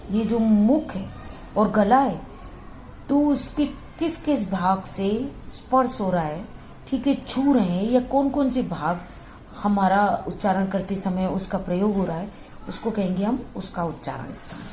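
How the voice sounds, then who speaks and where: A woman teacher walks her listeners through a lesson, pausing to sound out each letter and asking if they follow. Her voice is mellow and soft-edged. A faint hum of room noise sits behind her. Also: mid-range voice. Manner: patient, repetitive, checks in with "ठीक है" often; models sounds slowly and aloud. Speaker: Hindi grammar teacher. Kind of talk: classroom lesson explanation.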